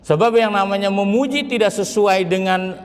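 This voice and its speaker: Middle-aged preacher, high voice, playful sermon delivery, long mosque reverb. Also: male voice, moderate pace. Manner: lively, joking asides to the congregation. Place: large mosque hall.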